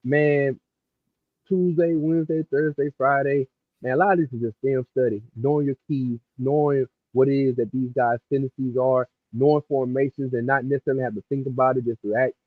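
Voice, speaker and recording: A man's voice: mid-range voice, fairly even intonation, fairly quick, no echo. A man talking casually about football as a stream guest, his voice muffled as if heard through a wall. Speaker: guest analyst on a sports stream. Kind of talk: casual sports talk. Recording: muffled lo-fi remote mic.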